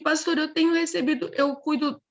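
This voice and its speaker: A Brazilian woman in middle age shares a personal testimony with her church. Her voice sits high, and she tells the story with animation, slipping into the voices of the people she quotes and repeating words as she goes. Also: fairly even intonation, a little fast, dull audio. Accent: Brazilian Portuguese. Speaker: church member giving a testimony.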